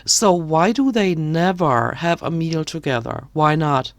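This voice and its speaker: A woman's voice: low voice, unhurried, no room sound. Lady doing a ranty commentary vid, fed up and indignant, dead dry mic. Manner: indignant, ranting. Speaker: commentary youtuber. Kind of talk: critical commentary.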